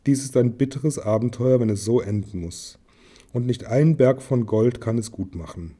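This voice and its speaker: A man reading the part of a weary, wounded male hobbit who speaks softly and a little shakily. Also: mid-range voice, moderate pace, lightly acted. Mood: sad. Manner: softly spoken, shaky.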